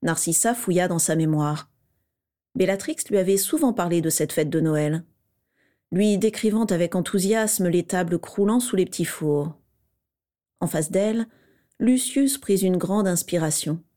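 A woman reading a story aloud in a measured, even narration. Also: lowish voice. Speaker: reader.

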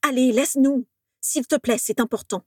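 Woman voicing a young wizard guy, earnest, begging his friend to calm down, kinda exasperated. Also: high-pitched, normal speed, no echo, clean studio sound, voice pushed up. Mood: pleading. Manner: pleading, insistent. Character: earnest young male wizard student, conciliatory but exasperated.

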